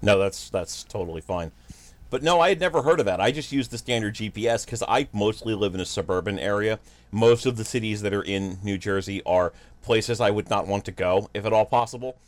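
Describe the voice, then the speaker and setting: Male co-host, low voice, dry close sound, blunt offhand talk. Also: a little fast, dry recording. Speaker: podcast co-host. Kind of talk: casual chat.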